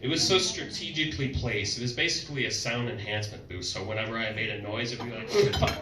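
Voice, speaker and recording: A young man on a comedy club stage, telling loud and playful stories with sudden vocal outbursts. He sounds distant in an echoey room. Audience noise carries clearly behind him. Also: mid-range voice, fast. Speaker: stand-up comedian. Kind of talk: stand-up comedy set. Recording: echoey club, mic heard from a distance, noisy crowd.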